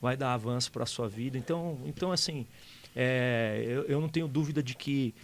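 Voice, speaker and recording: A man speaking thoughtfully in a podcast conversation, often pausing and repeating words as he works through an idea. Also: mid-range voice, a little hiss or hum. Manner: thoughtful, halting, repeats words while thinking.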